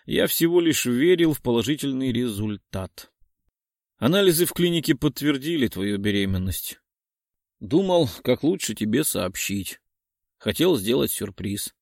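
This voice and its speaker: A man's voice: mid-range voice, animated, a little slow, creaky, a little mellow, no room sound, studio quality. A man reading an audiobook, voicing an earnest young man who pleads with his lover. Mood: explaining.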